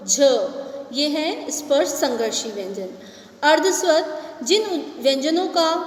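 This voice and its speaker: A high-voiced woman teacher walks through a grammar lesson point by point, stopping to ask whether the class is following. She sounds distant from the microphone, and her voice rings around a reverberant room. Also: a little hiss or hum. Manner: explains step by step, checks understanding with rhetorical questions. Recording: echoey room, voice far from mic.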